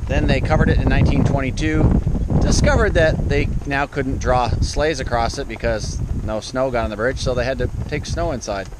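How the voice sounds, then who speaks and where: A man with a middle-pitched voice hosts a casual travel vlog. He has a dry, teasing way of talking. Loud vehicle and outdoor noise surrounds his voice. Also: normal speed. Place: mostly inside moving car and motorhome, sometimes outdoors.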